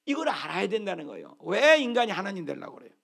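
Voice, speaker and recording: A male pastor preaching a sermon to his church, exclaiming with sudden loud bursts. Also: high-pitched, big pitch swings, fast talker, gravelly, husky. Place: church sanctuary.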